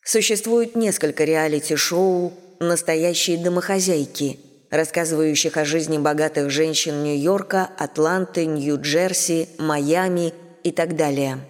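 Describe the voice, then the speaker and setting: An audiobook narrator reading a thriller novel in an even, steady storytelling manner. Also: mid-range voice, unhurried, hardly any pauses, dry recording, clean studio sound.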